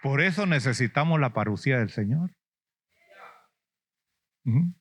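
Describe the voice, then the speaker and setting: A man's voice: mid-range voice, expressive, unhurried, slight background noise. A man preaching a sermon as an apostle, questioning the congregation, prompting them with "mm?" and "ujú", and acting out lamenting believers in a whiny voice.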